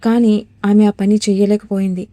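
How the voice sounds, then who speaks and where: A woman narrates a dramatic story with a steady storytelling delivery. Her voice is warm and mellow, recorded close and dry on a studio mic with no room echo. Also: mid-range voice, normal speed.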